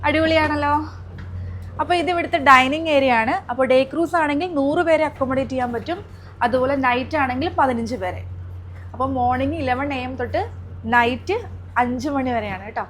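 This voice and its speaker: Female travel companion, high-pitched, Kerala accent, casual Malayalam-English mix, brief admiring responses. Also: a little fast, fairly bright tone, a little hiss or hum. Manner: mixes English words into Malayalam; short admiring replies. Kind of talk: casual chat.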